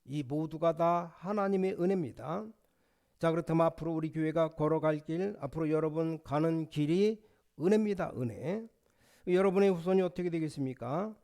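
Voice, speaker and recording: A middle-aged man preaching a sermon as pastor, emphatic, his voice rising to near-shouts when he quotes. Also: on the high side, normal speed.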